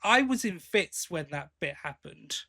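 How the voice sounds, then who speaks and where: A man with a high, expressive voice and a sharp tone talks at a measured pace while co-hosting a podcast. He chats casually, reviewing an audio drama and offering opinions with enthusiasm, often restarting his sentences.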